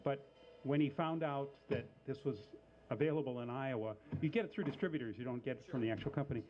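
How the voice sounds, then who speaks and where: A man hosting a live coffee house show, casual and halting, with lots of fillers and dry little jokes. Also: mid-range voice, lo-fi sound. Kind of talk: casual live emcee patter.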